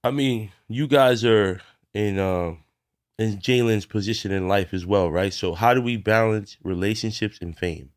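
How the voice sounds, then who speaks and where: A man's voice: fairly low pitch, unhurried, no room sound, studio quality. A man hosting a podcast who asks his guests questions in a casual way. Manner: asks questions, short affirmations. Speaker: podcast host. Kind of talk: casual interview.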